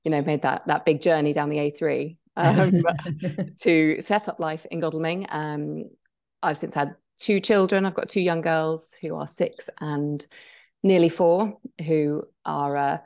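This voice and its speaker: A woman in her thirties with a low voice and a gravelly edge to it. She speaks chattily as an interview guest and pauses often on ums. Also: steady tone, darkish tone. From England. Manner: chatty, hesitant with many fillers. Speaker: guest, business co-founder. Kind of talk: conversational interview.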